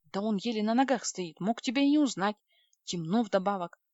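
A woman reading an audiobook voices a gruff, sarcastic young male officer who grumbles curtly, on a dry, slightly dull recording. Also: mid-range voice, animated, fairly quick, a little mellow, dry recording, close to an everyday voice. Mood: grumbling.

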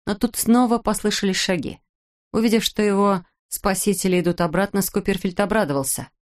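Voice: medium pitch, a little fast. Storybook audiobook narrator.

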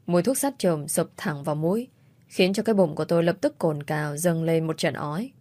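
A woman narrating a first-person story in a steady, measured audiobook style. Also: deep voice, dry recording.

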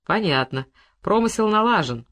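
A reader voicing a brisk male investigator in an audiobook, questioning with dry, mildly mocking persistence. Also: mid-range voice, animated, a bit bright, lightly acted. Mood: probing.

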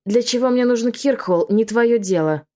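A woman's voice: mid-range voice, lively intonation, moderate pace, a little mellow, lightly acted. A woman voicing a haughty, scheming young witch who drawls scornful threats in a storybook reading.

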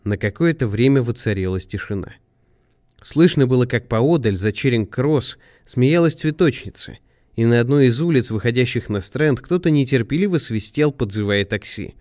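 A man reading a detective story aloud in measured, expressive narration. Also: mid-range voice, no echo, studio quality. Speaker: audiobook narrator. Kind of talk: scripted narration.

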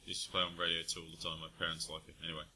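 A podcast co-host with a deep voice rambles hesitantly through his thoughts in a casual chat, using lots of fillers, ums and restarts. He talks rapid-fire with little pitch movement, his tone bright and a bit sharp, over faint background noise.

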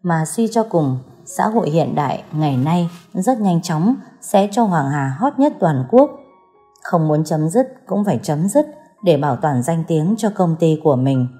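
A woman narrating a serialized audio story, reading in a steady, dramatic storytelling manner. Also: low-pitched, a little slow. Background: soft background music.

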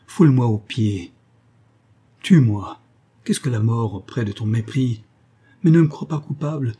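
A man's voice: medium pitch, mellow, husky. A man reading aloud voices a frightened, tender young woman who pleads with her lover.

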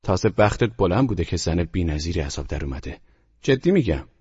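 A man's voice: sits low, very animated, darkish tone, slightly rough, highs cut off, full character voice. A man voicing a bitter, exasperated husband. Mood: bitter ranting. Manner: bitter, exasperated, rising outbursts. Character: agitated middle-aged man ranting about his wife.

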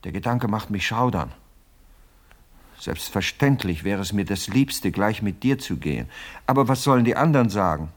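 In a radio play, an actor voices a pompous, miserly older widower who is fussily indignant and justifies himself. The male voice is husky and on the low side, animated and moderately paced.

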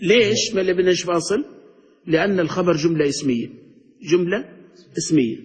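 A high-voiced man teaches grammar as a sheikh, checking his students with frequent questions. He stretches out each example as he recites it. His voice rings in a hall with a long echo. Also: fairly quick. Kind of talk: classroom lesson explaining a text.

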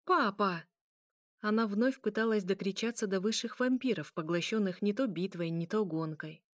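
A woman narrating a story in a measured, even reading voice. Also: medium pitch, no echo, clean studio sound. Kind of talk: audiobook narration.

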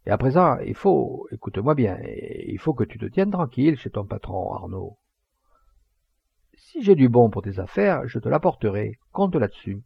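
A man voicing a jovial, hearty, fatherly middle-aged poacher who lectures in a booming, sententious way. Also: creaky, slightly rough, no echo, lo-fi sound.

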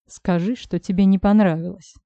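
A woman voicing a cool, controlling young man who speaks low, calm and unhurried, in a dry, slightly dull recording. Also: no echo, natural voice.

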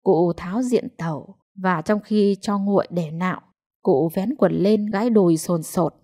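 A woman narrating a short story in a calm, measured storytelling voice. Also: on the low side, no echo, clean studio sound. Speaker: audiobook narrator.

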